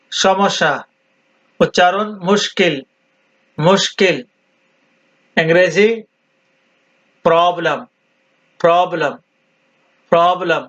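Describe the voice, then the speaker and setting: A man teaching vocabulary, deliberately repeating each word several times. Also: sits high, fairly bright tone. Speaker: language teacher. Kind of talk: slow vocabulary drill. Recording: dull lo-fi sound.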